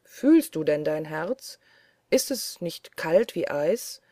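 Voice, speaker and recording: A woman's voice: low-pitched, animated, slow pace, dark tone, no echo, studio quality, heavily acted. A woman reading the lines of a huge, greedy and sly male forest giant who mocks and boasts. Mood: boastful. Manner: mocking, boastful.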